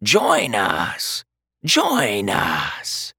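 A croaking, ravenous undead creature, put on by a man reading a storybook. It speaks in short, savage bursts, with a sound set apart from the reader's everyday voice. The delivery is slow and drawn out. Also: on the low side, wildly swooping pitch, pushed and bright, no echo, clean studio sound, heavily acted. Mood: menacing.

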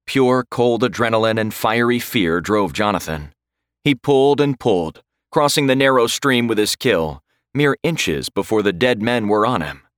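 A man reading a horror story aloud in slow, dramatic scripted narration. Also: fairly low pitch, animated, clean tone, no echo, studio quality.

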